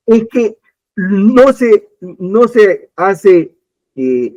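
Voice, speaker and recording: This Ecuadorian man, a political commentator, has a slightly high voice and argues his political opinions emphatically on a talk show, frequently starting over and going back to the same points. The audio is dry, with the high frequencies cut off.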